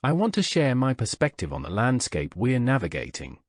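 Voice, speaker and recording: Man giving a lively, measured lecture. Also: medium pitch, no echo, studio quality. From Slovakia. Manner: measured, deliberate delivery with rhetorical questions. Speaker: lecturer, vice president of a research institute. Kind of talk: prepared conference lecture.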